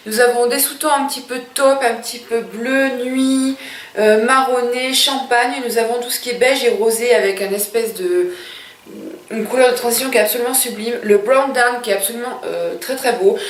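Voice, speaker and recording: A woman's voice: on the high side, reverberant, recorded from a distance. A woman beauty vlogger reviewing makeup in a chatty, gushing way, with many hesitations.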